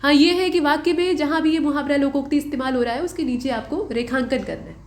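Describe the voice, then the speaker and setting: A woman's voice: high voice, quick pace. A young adult woman teacher walking through exam answers in a patient lesson, repeating key points. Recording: roomy echo.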